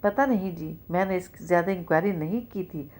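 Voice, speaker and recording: A woman's voice: fairly low pitch, a little mellow, close to an everyday voice. Deferential police officer, as a woman reads him. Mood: polite. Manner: deferential, polite.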